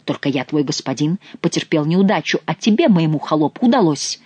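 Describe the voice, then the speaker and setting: A man reading an audiobook and voicing an imperious, hot-tempered young prince who accuses and shouts in a raised, loud voice. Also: high-pitched, wildly swooping pitch, no room sound, lo-fi sound, pitched above the performer's own voice, exaggerated voice. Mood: scornful rage. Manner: haughty, accusing, quick to shout.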